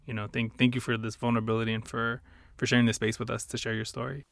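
A man hosting an interview, asking measured, supportive questions. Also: mid-range voice, completely flat delivery, gravelly, no echo, clean studio sound. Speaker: interviewer, host.

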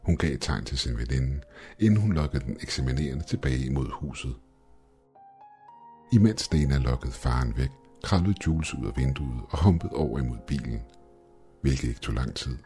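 A man narrating a first-person horror story in a measured, steady way. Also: very deep voice. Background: faint background music.

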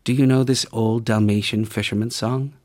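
A man's voice: on the low side, fairly even intonation, normal speed, a little mellow, close to an everyday voice. A man voicing a thin young male church guide, wistful and bitter, asking blunt, rueful questions.

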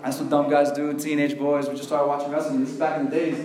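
A lively man in his thirties with a high voice tells a comic story to a big crowd. He is animated, jumps into loud acted quotes and chuckles along. His voice rings around a roomy hall. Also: fast talker, background noise. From Cuban family, raised in the US. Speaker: youth event speaker. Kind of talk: comedic storytelling to a live crowd.

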